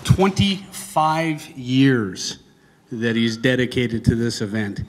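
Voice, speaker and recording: Male event presenter, folksy and halting, speaking informally in front of an audience in a reverberant hall. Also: mid-range voice, expressive. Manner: casual, folksy, halting with frequent ums and pauses. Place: large banquet hall. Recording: echoey hall over PA, long reverb.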